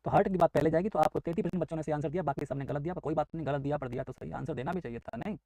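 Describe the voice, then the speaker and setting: His voice is a little high and dark, and he talks very fast while teaching a live online nursing exam class. Mixing English into Hindi, he explains step by step and acts out both the students' questions and his answers. The recording is dry and low in quality.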